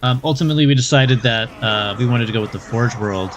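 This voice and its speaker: A man gives casual live gameplay commentary in an average-pitched voice. He talks hesitantly, thinking aloud as he goes, with game music playing softly behind him. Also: quick pace, lo-fi sound. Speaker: game streamer.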